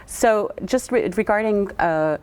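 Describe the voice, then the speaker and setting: A woman's voice: medium pitch, measured pace, smooth. A middle-aged woman from Lebanon, a comedian and show producer, talking casually with lots of fillers and a wry sense of humor. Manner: chatty, many fillers, wry dark humor. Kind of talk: casual conversation.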